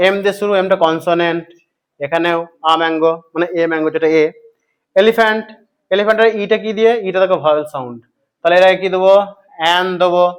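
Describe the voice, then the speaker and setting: Bengali guy teaching english grammar, pretty high voice, keeps asking questions n answering them. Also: clean tone. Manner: asks questions to students and answers them himself; repeats points slowly for emphasis. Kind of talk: explanatory grammar lesson.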